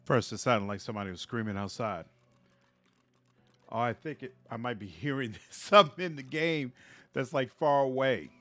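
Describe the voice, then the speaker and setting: A man's voice: medium pitch, moderate pace, a bit bright, dry recording, soft background music. A man streaming a video game, giving casual live commentary, thinking aloud and often trailing off.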